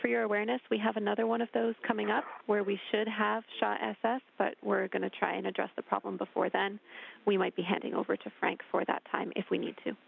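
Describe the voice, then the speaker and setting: A man at mission control talks to the crew over a space radio loop that sounds squeezed and tinny, as if through a phone line. His voice is deeply gravelly, and he delivers procedural updates in a steady, clipped way. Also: fast. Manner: steady, clipped technical briefing. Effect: thin space-to-ground radio link.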